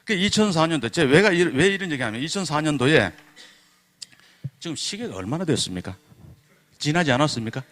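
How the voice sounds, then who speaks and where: A man with a voice on the high side delivers a lively, brisk public lecture about Korean script, broken up by long pauses, and his voice is a bit bright. He asks the audience rhetorical questions and voices the letters aloud as demonstrations.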